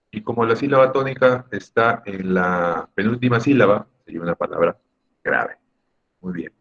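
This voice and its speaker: Low husky guy teaching a class over a video call, dull lo-fi sound. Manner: patient, explains step by step, asks the class questions. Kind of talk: online class on Spanish grammar. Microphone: computer mic on a video call.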